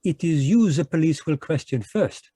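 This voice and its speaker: A performer reads the part of a fussy, polite, shrewd Belgian male detective with a Belgian French accent in a live radio drama held over a video call. The voice is medium-pitched, animated, dark, and husky, at a moderate pace with no echo, and the delivery is courtly, hesitant, and probing.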